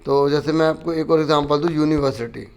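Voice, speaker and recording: A man's voice: on the high side, brisk, a little mellow, clear, resonant tone. A man, a teacher patiently explaining a school worksheet, asking questions and answering them himself.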